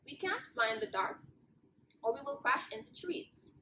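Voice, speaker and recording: A woman voicing a clumsy, earnest and excitable young female bat in a storybook reading. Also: high-pitched, normal speed, reverberant, exaggerated voice. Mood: worried. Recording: distant mic with clear background noise.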